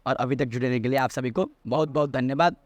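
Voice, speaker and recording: A man's voice: mid-range voice, steady tone, fast, no room sound. A man explaining a classical logic text as a teacher, repeating key terms and asking and answering his own questions. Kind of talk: explanatory lecture.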